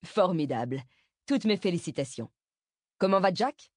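Woman reading polite cheery dad, courteous, lowish voice. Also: animated, normal speed, dry recording, studio quality. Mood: cheerful. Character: man, polite, cheerful father.

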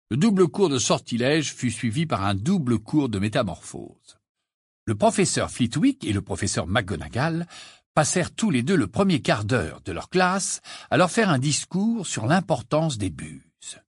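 A man's voice: mid-range voice, moderate pace, breathy edge, dry recording, clean studio sound. A man narrating an audiobook expressively, acting out the characters. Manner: lively storytelling, acts out characters. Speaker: audiobook reader.

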